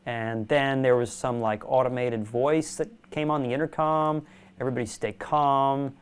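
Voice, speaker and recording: A young man, a magician guest in a casual interview, telling animated stories and laughing often. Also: mid-range voice, moderate pace, clean tone. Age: young adult.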